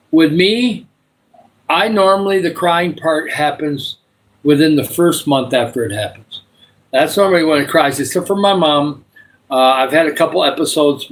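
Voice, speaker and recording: Older guy in his 60s chatting on a live stream, rambly and loose, voice sits a bit high. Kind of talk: casual live-stream chat and prayer.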